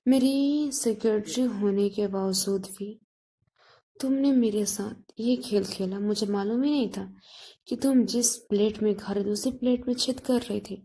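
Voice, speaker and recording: A woman's voice: medium pitch, measured pace, dark tone. A woman voicing a bold, defiant woman lead in a narrated love story, speaking with sarcasm. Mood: accusing. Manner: mocking, sarcastic.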